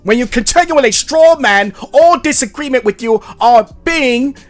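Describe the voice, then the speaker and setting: A man's voice: extremely high pitch, animated, soft background music, voice pushed up. A man voicing a sneering, angry commenter in a put-on Australian accent, drawing out the words mockingly. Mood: mocking, indignant. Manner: drawn-out, mocking, shouty.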